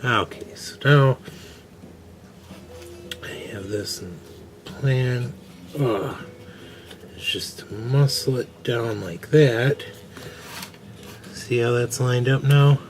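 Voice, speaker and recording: A man's voice: mid-range voice, very slow, long pauses. A man casually narrating an electronics repair in a wry, self-mocking way. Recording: background music under voice.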